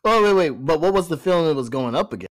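A man's voice: fairly high pitch, lively intonation, quick pace, rough recording. A man in a casual chat, slangy and defiant, with playful bravado.

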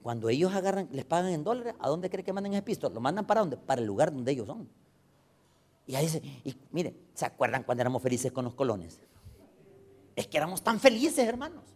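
A male pastor preaching a storytelling sermon, swinging from loud exclamations to low asides. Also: animated, quick pace.

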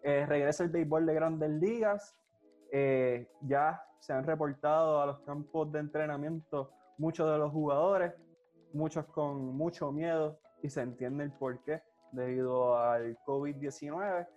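A man's voice: on the high side, a little slow, darkish tone, lo-fi sound, faint music behind. A man with a Puerto Rican accent hosting a podcast with enthusiasm, presenting and moderating in an upbeat style.

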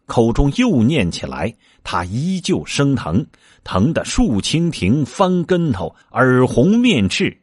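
A man narrating a classic tale aloud with animated, swooping delivery. His low voice is husky and he reads at an unhurried pace, dry and close. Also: no room sound. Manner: expressive, acted reading. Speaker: storyteller. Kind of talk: reading a classic novel aloud.

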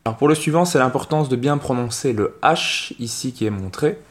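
A man co-hosting a podcast, teaching English pronunciation to French speakers and repeating each word pair slowly and carefully. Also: mid-range voice. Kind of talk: slow, careful pronunciation lesson.

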